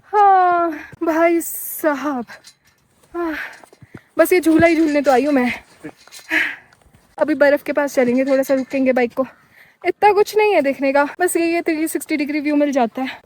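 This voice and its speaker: A young woman with a Pahari-accented Hindi voice, pitched high, chats straight to her viewers in a lively travel vlog. She talks outdoors on a snowy mountain pass, recorded on a handheld camera, and sounds a little short of breath from the altitude. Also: a little fast. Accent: Pahari-tinged Hindi. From Himachal Pradesh, India. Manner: chatty and excitable, addressing viewers directly. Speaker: solo motorcycle travel vlogger.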